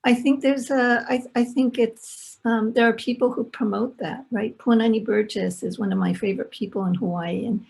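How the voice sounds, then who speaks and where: A woman's voice: fairly high pitch, fairly even intonation, moderate pace, creaky, few pauses, darkish tone, husky. A woman, around sixty, speaking reflectively on a remote panel, often adding "right?" and repeating words. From Los Angeles, United States. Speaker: panelist, former professor. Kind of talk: panel discussion. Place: home, remote video call.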